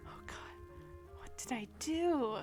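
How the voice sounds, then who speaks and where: A woman's voice: high voice, expressive, takes it slowly, a little mellow, faint music behind. A woman streaming a game, chatting casually in a giggly, playful way and laughing often. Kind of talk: casual gaming stream chat.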